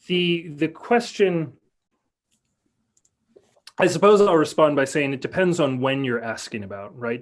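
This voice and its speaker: A man lecturing on a video call, reading a prepared paper in a measured way and then answering questions with many fillers and restarts. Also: mid-range voice. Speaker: lecturer and researcher.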